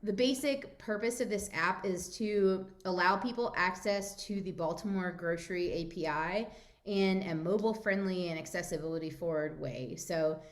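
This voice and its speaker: A woman giving an informal software demo as the lead presenter, with a hesitant, slightly nervous delivery. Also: lowish voice, moderate pace. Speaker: project presenter.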